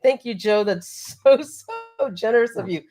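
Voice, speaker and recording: A woman co-hosts a casual live toy stream, congested from allergies yet upbeat, laughing often as she greets chatters and reads out their names. Her voice is on the high side, mellow and a little slow. Soft music plays in the background.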